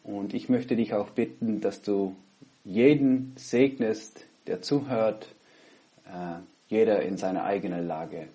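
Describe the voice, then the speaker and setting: Dutch-accented pastor with a low, mellow voice. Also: male voice, slow pace. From Netherlands. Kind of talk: online sermon and prayer. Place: home, recorded at a laptop. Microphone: headset.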